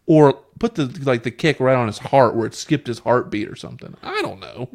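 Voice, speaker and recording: Man, mid-pitched, casual podcast co-host, exasperated and sarcastic ranter. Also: lively intonation, brisk, a little mellow. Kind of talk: casual review chat.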